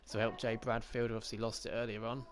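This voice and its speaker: A man's voice: medium pitch, flat delivery, fast, very noisy. A man giving live motorsport commentary on an online race, calling the action as it happens and repeating key phrases as he reacts. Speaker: esports racing commentator. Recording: music bed behind, car engine sounds.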